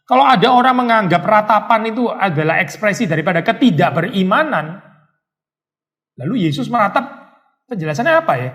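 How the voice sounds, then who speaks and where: Animated high-voiced male pastor teaching. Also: fairly quick. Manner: conversational, animated, mixes English words, acts out scolding quotes. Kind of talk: Bible study teaching.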